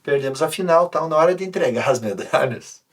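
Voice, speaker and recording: A man, a sports coach talking on a podcast, telling an animated story with many restarts. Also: fairly high pitch, a little fast. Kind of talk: casual podcast conversation.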